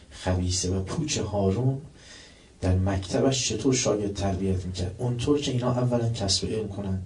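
A man's voice: lowish voice, darkish tone, a little hiss or hum. A man preaching a sermon, dramatically retelling a story and voicing the people in it. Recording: roomy echo, distant mic.

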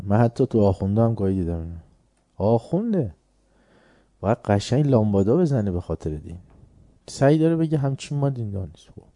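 Deep-voiced man preaching conversationally. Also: mellow, dry recording. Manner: conversational, asks listeners rhetorical questions. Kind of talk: informal religious lecture.

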